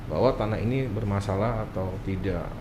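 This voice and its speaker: A man's voice: lowish voice, a little fast. A man with a Palembang accent explaining things conversationally as a notary guest, often checking back with his listener, slightly muffled through a face mask. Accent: Palembang, South Sumatra. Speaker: guest notary, association chairman. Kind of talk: casual explanatory interview talk. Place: indoor office room. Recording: echoey room with faint noise.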